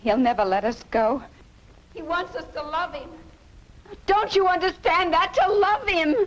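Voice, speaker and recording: Frightened, pleading wife. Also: female voice, high voice, animated, normal speed, muffled recording. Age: middle-aged. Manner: urgent and pleading. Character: frightened middle-aged wife, pleading and desperate. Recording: hissy 1970s TV film audio.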